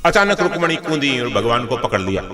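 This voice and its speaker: A man's voice: medium pitch, very animated, a little fast, music in the background. A man preaching as a swami, telling a dramatic religious story, acting out its characters, and chanting Sanskrit verses. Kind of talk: sermon storytelling.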